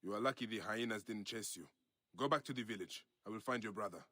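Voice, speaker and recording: An actor playing a stern, protective guardian in a video game, speaking in a husky, commanding way. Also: male voice, on the low side, fast, bright, forceful tone, no echo, clean studio sound. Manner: curt, commanding.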